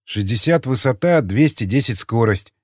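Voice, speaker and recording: A man's voice: mid-range voice, animated, moderate pace, breathy edge, no room sound, clean studio sound. A man voicing a weary, skeptical copilot who grumbles, read in an audiobook. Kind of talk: audiobook character voice.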